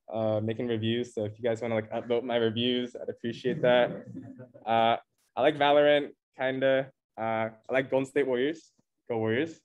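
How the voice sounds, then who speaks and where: A young man from California, the club's co-president, presenting at a meeting in a rambling, upbeat way full of fillers. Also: medium pitch. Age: young adult. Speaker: club co-president. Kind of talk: casual club meeting talk.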